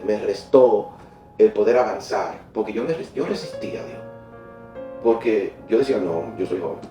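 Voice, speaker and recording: A middle-aged man telling a faith testimony in a church interview, animated and often laughing, repeating words when he gets excited. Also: mid-range voice, echoey room, recorded from a distance. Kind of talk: emotional personal testimony.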